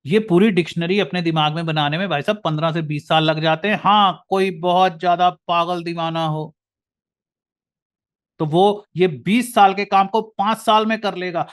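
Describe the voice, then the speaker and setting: A man's voice: high voice, fairly even intonation, moderate pace. A man with an Indian accent giving an earnest lecture, often calling the listener brother. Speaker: motivational speaker.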